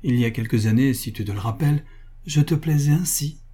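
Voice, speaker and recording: A man voicing a gentle, shy young wife in a story reading, soft and hesitant. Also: medium pitch, fairly quick, breathy edge, voice pushed up, lightly acted.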